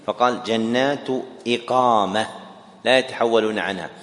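A man lectures a class at a middle pitch, spelling out each point and repeating key phrases. He often stops to quiz his listeners. The sound carries a long, echoing hall reverb. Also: normal speed, fairly bright tone. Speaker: teacher explaining a text.

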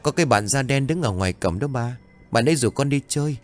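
A man's voice: mid-range voice, animated, fast, soft background music, voice pushed up, close to an everyday voice. A man voicing a small village boy who eagerly begs his grandmother to let him play.

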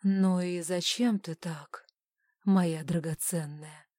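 A woman's voice: fairly low pitch, steady tone, no room sound, studio quality. Woman voicing a cold, menacing male mentalist. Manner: slow, soft-spoken and coolly menacing. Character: cold, detached adult male mentalist villain. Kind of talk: audiobook character voice.

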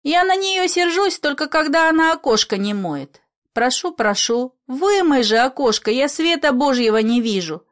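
A woman's voice: high-pitched, animated, normal speed, voice pushed up. A woman voicing a dreamy, curious little bedridden boy who asks eager childish questions.

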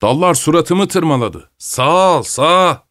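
A man voicing an angry, irritable male postman who yells curses. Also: mid-range voice, a little slow, no echo, clean studio sound, natural voice. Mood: furious. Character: angry shouting middle-aged male postman.

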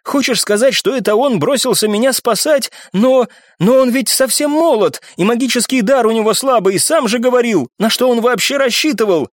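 A man's voice: very high-pitched, normal speed, few pauses, no room sound, studio quality, voice pushed up. A man voicing Oksana, an emotional young woman who pleads and exclaims. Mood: stunned.

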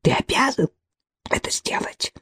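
A woman's voice: sits high, animated, normal speed, gravelly, darkish tone, voice pushed up. A woman voicing a hysterical, demanding middle-aged society wife in an audiobook. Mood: panicked.

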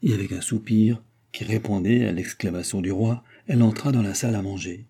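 A man reading a classic novel aloud as a narrator, with measured, even storytelling. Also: fairly low pitch, breathy edge. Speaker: audiobook narrator. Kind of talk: scripted narration.

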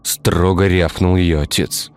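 Deep-voiced male storyteller. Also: steady tone, slow. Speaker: narrator. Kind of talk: scripted story narration. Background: faint music.

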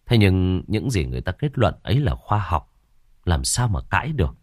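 Male horror narrator, lowish voice, very animated. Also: moderate pace, no room sound, clean studio sound. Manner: dramatic, expressive.

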